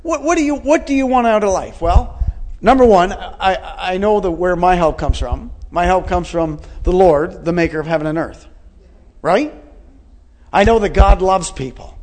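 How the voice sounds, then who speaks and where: A man in his forties gives an earnest sermon with a fairly high voice. He circles back on his points and keeps putting questions to the listeners. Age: 40s. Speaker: pastor.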